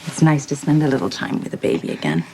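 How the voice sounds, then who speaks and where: An actress playing a fond woman cooing over a baby in a television drama, speaking softly and gushing. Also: very deep voice, very animated, fast, a little hiss or hum, heavily acted. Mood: gentle. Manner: soft, gushing.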